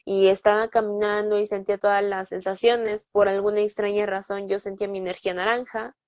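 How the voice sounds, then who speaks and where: A woman's voice: medium pitch, flat delivery, a little fast, a little mellow, dry recording. A young adult woman with a Mexican Spanish accent, casually telling personal stories with lots of fillers and tag questions. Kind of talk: casual storytelling.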